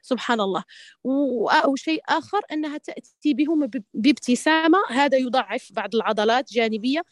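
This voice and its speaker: With lively intonation and a quick pace, a high-voiced woman teaches Quran recitation online, fielding questions in a tajweed lesson. She hesitates, restarts frequently, and sprinkles in pious interjections; the audio is studio quality with no echo.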